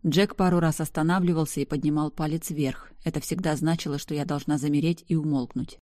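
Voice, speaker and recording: A woman's voice: low-pitched, fairly even intonation, brisk, mellow, no echo, clean studio sound. A woman narrating a first-person story in an intense, dramatic reading.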